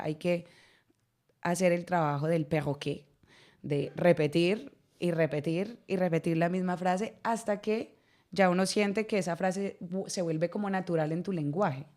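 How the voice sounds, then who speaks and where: A Colombian actress in her thirties, speaking with a Colombian accent in a fairly low, slightly mellow voice, tells her story as a guest in a radio studio interview. She laughs often and repeats words as she goes.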